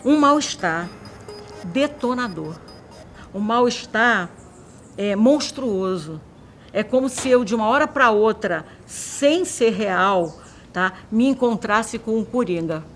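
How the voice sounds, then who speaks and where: A woman's voice: on the high side, expressive, takes it slowly, faint music behind. Woman explaining with vivid comparisons. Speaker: doctor interviewed on mental health. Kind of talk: documentary interview, explaining.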